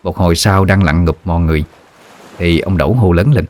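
A man narrating a ghost story in a measured storytelling voice. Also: low voice, a little mellow.

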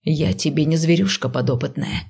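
A woman reading an audiobook, voicing a sullen, stubborn male necromancer who snaps his lines low and hushed. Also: moderate pace, creaky, slightly rough, full character voice. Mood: irritated. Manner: curt, snapping, low and hushed.

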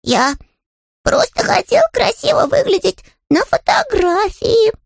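Woman voicing Paddington, a squeaky little bear. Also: big pitch swings, measured pace, vocal fry, no room sound, studio quality, full character voice. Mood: earnest, proud. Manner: earnest, offended and important. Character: small polite male bear, proud and easily offended. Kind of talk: audiobook character voice.

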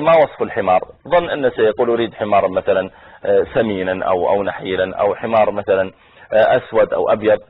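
A man giving a conversational religious lesson, briefly voicing the people he quotes, his voice husky. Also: mid-range voice. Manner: conversational, acts out quoted speakers. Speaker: preacher. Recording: tinny phone-like recording.

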